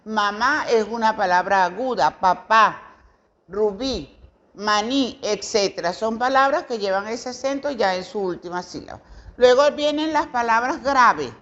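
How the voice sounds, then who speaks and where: A woman's voice: a little high, animated, a little slow, fairly bright tone, lo-fi sound. A woman teacher from Venezuela giving a recorded grammar lesson to children, patiently repeating example words, with some hesitant fillers and self-corrections.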